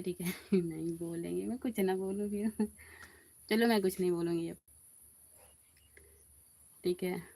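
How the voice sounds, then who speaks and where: A woman hosts a relaxed live stream from a quiet back room, chatting with viewers and answering their comments. Her voice is low-pitched, warm and mellow, and she speaks slowly and unhurriedly. Crickets chirp faintly in the background. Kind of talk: casual live-stream chat.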